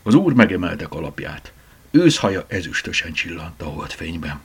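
A man narrating a storybook chapter in an expressive reading. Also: sits low, breathy edge. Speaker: audiobook narrator.

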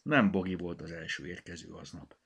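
A man narrating a children's story in a lively, expressive way. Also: deep voice, creaky, husky.

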